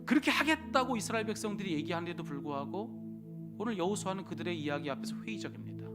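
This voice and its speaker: Korean pastor preaching with rising, falling intensity. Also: male voice, sits high, animated, fast talker, loud music behind the voice. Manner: dramatic sermon delivery with sudden loud and hushed phrases; acts out biblical dialogue in casual speech. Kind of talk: sermon.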